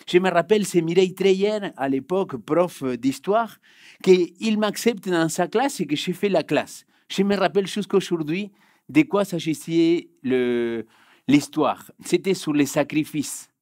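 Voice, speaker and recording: A young man with a Spanish accent, Spanish being his first language, preaching a sermon and telling a personal story, swinging from loud urgent bursts to hushed, quiet passages. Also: high voice, no echo, clean studio sound. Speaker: pastor. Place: church hall.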